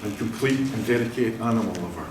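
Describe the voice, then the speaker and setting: In an echoey church hall, a Scottish wedding celebrant leads a vow renewal ceremony, sharing family anecdotes jovially and laughing often. His voice is lowish and expressive, and he talks quickly. The mic sits at a distance, and there's noise in the background.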